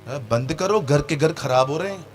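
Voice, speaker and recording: A man's voice: fairly high pitch, moderate pace, soft background music. A man preaching a sermon as pastor in a church meeting, joking with the congregation and mimicking its members.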